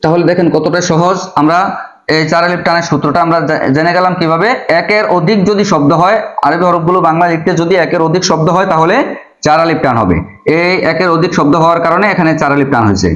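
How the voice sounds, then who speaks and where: A man's voice: on the high side, fast, fairly bright tone. A man teaching a step-by-step lesson on Arabic letters, patient and repetitive, drawing out each letter sound. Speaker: Quran teacher. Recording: echoey, dull room sound.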